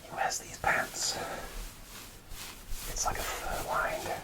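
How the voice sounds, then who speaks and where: Whispering close to the mic, this male ASMR creator narrates a story in a soft, meandering way, full of hesitations and pauses.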